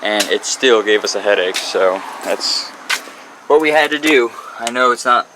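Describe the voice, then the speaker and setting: A man's voice: medium pitch, lively intonation, moderate pace, background noise. A man hosting his own channel, chatting casually and rambling as he walks through a repair job. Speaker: channel host. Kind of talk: casual garage vlog walkthrough.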